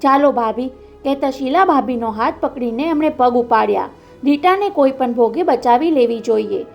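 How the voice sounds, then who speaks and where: A woman narrating an audiobook with a dramatic, steady reading. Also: sits high, normal speed, vocal fry, faint music behind.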